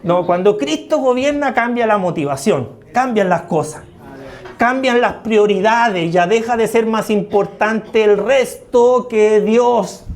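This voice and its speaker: A preacher delivers a sermon at a medium pitch. The delivery leans on insistent repetition of key phrases and on direct rhetorical questions to the listeners. Everyday stories are woven in with acted quotes of other people. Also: takes it slowly.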